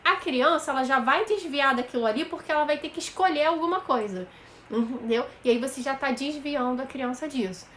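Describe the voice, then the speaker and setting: A woman with a Brazilian Portuguese accent talks straight to her live-stream viewers as a child psychologist, with a voice sitting a little high. She lays out practical parenting advice patiently, walking through everyday examples. A faint hiss of noise sits under her voice. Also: brisk, fairly bright tone. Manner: addresses viewers directly, often checks in with "right?".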